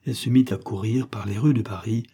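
A man narrating a short story in a measured, theatrical audiobook reading. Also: on the low side, fairly even intonation, warm tone, slightly rough.

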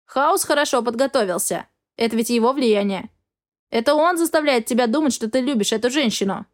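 A woman's voice: a little high, brisk, natural voice. Woman reading as a secretive young shapeshifter man. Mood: defensive. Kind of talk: audiobook character reading.

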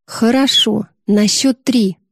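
A woman voicing a gentle, responsible teenage older sister who coaxes patiently. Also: a little high, slow, slightly rough, no room sound, clean studio sound, exaggerated voice. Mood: coaxing. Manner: patient, coaxing.

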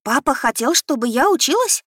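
A woman's voice: a little high, normal speed, fairly bright tone, no echo, studio quality, voice pushed up. Woman voicing an indignant young noblewoman. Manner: eager and indignant, raised voice.

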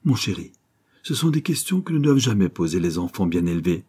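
A soft-spoken young mother, gentle and a little sad, tender with her child in a storybook reading, as a man voices her. The tone stays low and mellow with a husky edge. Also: normal speed. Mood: gently scolding.

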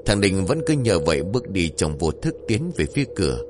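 A man narrating a story in an expressive, dramatic way, with faint music behind. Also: sits low, fairly quick, noisy background.

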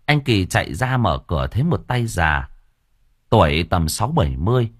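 A man's voice: low-pitched, big pitch swings, moderate pace, no echo. A man narrating a comic story as an audiobook reader, close to the mic.

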